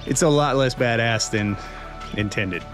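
A man's voice: medium pitch, a little slow. A man in his forties hosting a hiking vlog outdoors, chatting casually and joking between laughs. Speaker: hiking vlogger. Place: outdoors in a creek canyon. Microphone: camera-mounted mic held at arm's length. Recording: music playing behind.

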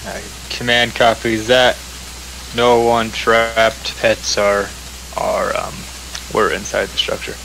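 A man's voice: lowish voice, little pitch movement, slow pace, creaky, sharp tone, rough recording. A man playing incident commander in a firefighting game, speaking in terse police-radio style. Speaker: fire incident commander in a role-play game. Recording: faint hiss behind voice.

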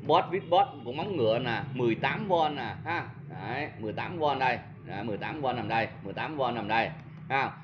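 A chatty man with a southern Vietnamese accent shows off used power tools and laughs at his own slip-ups. His voice sits at an ordinary middle pitch. The audio is a little muffled, with faint ambience behind him. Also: lively intonation, fast talker, background noise. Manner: chatty, self-mocking, talks straight to viewers. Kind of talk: casual product demo.

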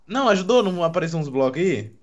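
A man's voice: fairly high pitch, sing-song, fast. A young Brazilian man with a Brazilian Portuguese accent, playfully needling his friends while gaming. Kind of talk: casual gameplay banter with friends.

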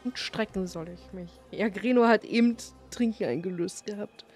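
A woman's voice: medium pitch, moderate pace, darkish tone. Playful, chatty woman streaming a game. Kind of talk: casual gameplay commentary. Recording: faint game music behind. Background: faint music from the game.

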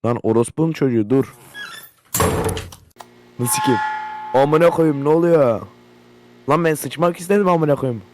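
A man's voice: a little high, normal speed, long pauses. A young man giving profane, jumpy commentary while playing a horror game, with a game hum behind him. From Turkey. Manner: profane, loud, jumpy reactions. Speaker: gaming YouTuber. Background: generator hum from the game.

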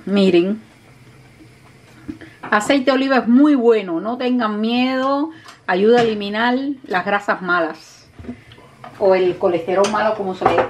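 Mujer cubana charlatana cocinando en casa. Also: female voice, mid-range voice, a little hiss or hum. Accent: Cuban Spanish. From Cuba. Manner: chatty, affectionate, addresses viewers as "mi gente". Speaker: cooking vlogger. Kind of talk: casual cooking vlog talk to viewers. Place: home kitchen. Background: dishes, pots and pans clattering.

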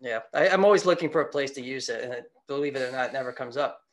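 A man's voice: medium pitch, fast talker. A man co-hosting a podcast, talking about old films in a thoughtful, wandering way. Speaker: podcast co-host. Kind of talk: casual film discussion.

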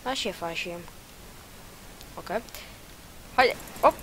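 Young woman, mid-pitched, excitable gameplay commentator, faint noise under the mic. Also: rough recording. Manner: excitable, loud outbursts and muttered asides. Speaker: gaming channel host.

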